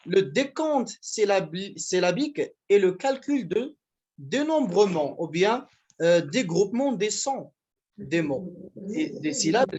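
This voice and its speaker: A Moroccan man teaches a French class over a video call, explaining step by step and drawing out each example word. His voice sits high and has a husky, breathy edge. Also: a little mellow. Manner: explains slowly, stretching example words, switching into Moroccan Arabic. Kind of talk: online class lecture.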